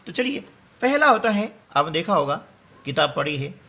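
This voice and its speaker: A man's voice: fairly high pitch, sing-song, normal speed, sharp tone. A man teaching a workbook lesson, explaining step by step and often checking in with his students.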